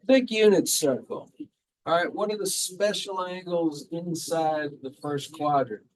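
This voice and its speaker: Laid-back male teacher in a classroom, slow-paced and a bit high-voiced, coaxing answers from students. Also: rough recording. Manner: casual, quizzing the class with repeated prompts. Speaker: math teacher. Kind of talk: classroom lecture.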